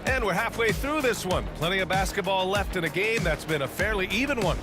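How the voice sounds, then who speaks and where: A brisk basketball play-by-play commentator. His voice is high, he calls the action in clipped phrases, and loud music plays behind him. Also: lively intonation. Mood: engaged.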